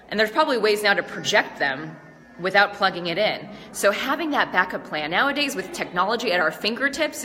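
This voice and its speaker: A woman's voice: medium pitch, big-room sound. A woman speaking coach, stuffy and congested from allergies, giving upbeat, chatty presentation tips to viewers. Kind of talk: casual tips vlog. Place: large stage venue.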